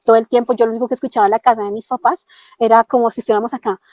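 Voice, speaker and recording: A woman's voice: on the high side, flat delivery, racing, a little mellow, no room sound. A woman with a Colombian accent giving an earnest personal testimony, often acting out the dialogue she quotes. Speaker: interviewee telling her testimony.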